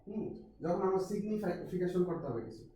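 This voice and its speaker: A man with a Bangladeshi accent and a slightly high voice lectures a class, switching between Bengali and English and stopping to quiz his students. His voice rings through a very echoey classroom with a faint noise behind it. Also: brisk, mellow, distant mic. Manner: mixes Bengali with English, asks students questions, frequent restarts. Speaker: English teacher.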